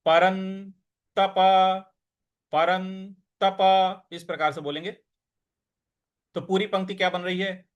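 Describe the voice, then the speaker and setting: A man teaching the recitation of a sacred verse, breaking words into syllables and chanting lines slowly. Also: high voice, fairly even intonation, a bit bright. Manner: slow, syllable-by-syllable demonstrations with brisker explanations between; chants verses in a melodic intoned way. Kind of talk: recitation lesson.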